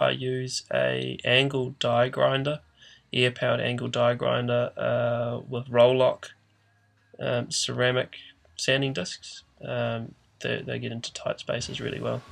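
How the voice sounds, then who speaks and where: A man's voice: mid-range voice, vocal fry, fairly bright tone. A man giving an informal, hesitant how-to voice-over in a matter-of-fact way, his voice nasal and congested as if he has a blocked nose. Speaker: DIY car repair presenter. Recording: noticeable background noise.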